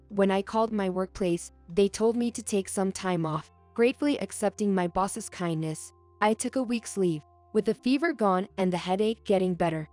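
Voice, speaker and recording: A young adult woman reading a first-person story aloud as narrator, in a soft, earnest storytelling manner. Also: medium pitch, no room sound.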